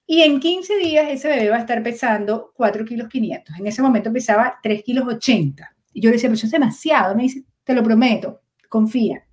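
A woman with a Venezuelan accent telling her breastfeeding story in an interview, animated and laughing often, acting out the dialogue she quotes. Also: fairly high pitch, fast talker, hardly any pauses. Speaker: guest, breastfeeding promoter.

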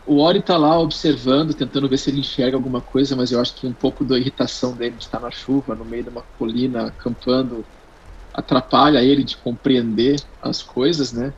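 A man narrating as game master of a tabletop game, drawn-out and relaxed. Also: mid-range voice, slightly rough. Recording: dull lo-fi recording.

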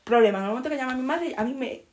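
Fast-talking young woman. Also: high voice. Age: young adult. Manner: animated, self-mocking, acts out quotes. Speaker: podcast co-host. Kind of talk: casual storytelling chat.

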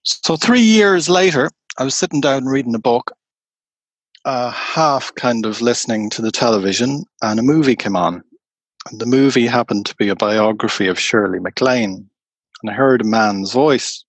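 A man, a tour guide, telling stories slowly and unhurriedly in an interview. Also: medium pitch, husky, no room sound. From Ireland. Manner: slow, unhurried anecdotal telling. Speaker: tour guide and storyteller guest. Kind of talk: conversational storytelling interview.

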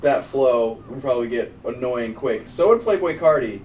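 A young man co-hosting a podcast in casual chat, easygoing and quick to laugh. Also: mid-range voice, lively intonation, darkish tone, slight background noise. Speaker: podcast co-host. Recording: roomy sound, mic at a distance.

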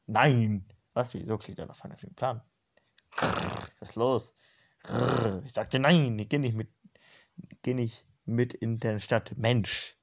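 A growling, wary young tiger girl from a fantasy webcomic, as a man reads her lines aloud. She snaps in short, loud bursts and sounds guarded. Her voice stays low, with no lift toward a girl's pitch. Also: fairly even intonation, measured pace, natural voice. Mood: angry.

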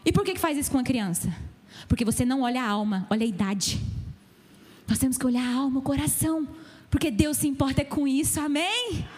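Woman pastor, middle-aged, high voice, emphatic church sermon with pointed questions to the congregation. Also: a little fast, darkish tone.

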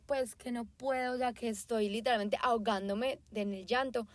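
A woman's voice: on the high side, fairly even intonation, moderate pace, dry recording. A woman co-hosting a podcast in a casual, chatty way, full of fillers and speaking straight to her listeners. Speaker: podcast co-host.

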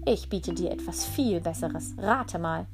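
A woman voicing a sly, gruff male robber who bargains craftily. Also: lowish voice, measured pace, over music.

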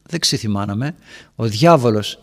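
A man, a priest, speaks to a gathering of parents with a gravelly, fry-edged voice. He tells anecdotes and addresses his listeners as his dear ones. The sound rings with the long reverb of a church hall. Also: mid-range voice, expressive. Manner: storytelling, acting out dialogues in raised voices. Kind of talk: homily to a parents' group.

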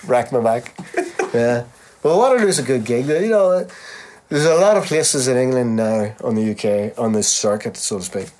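A middle-aged touring musician in casual chat, swearing freely and acting out quoted lines in a raised voice. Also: male voice, medium pitch, normal speed, darkish tone. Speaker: touring musician, podcast host.

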